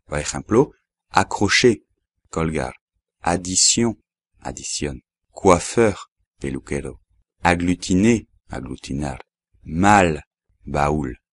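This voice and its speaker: A deep, low-voiced man from France gives a patient language lesson at an unhurried pace. He spells out each sound, repeats words and checks in often with his listener. The recording is dry and close, with no room sound. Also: no room sound. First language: French. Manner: patient, explains step by step and repeats words slowly. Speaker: French teacher.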